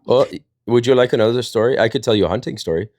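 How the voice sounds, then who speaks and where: A man from Wisconsin, a storyteller and live panel host, chats and spins stories in a rambling, jokey way. His mid-range, slightly mellow voice moves at a quick pace, captured in a dry, studio-quality recording.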